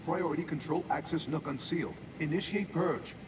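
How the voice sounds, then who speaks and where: A glitching, stuttering AI computer. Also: male voice, fairly high pitch, moderate pace, reverberant. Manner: cold announcements broken by stuck repeats. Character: malfunctioning male AI computer stuck in error loops. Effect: glitching, stuttering repeats like a broken machine. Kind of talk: video game character dialogue. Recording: distant voice under loud game noise.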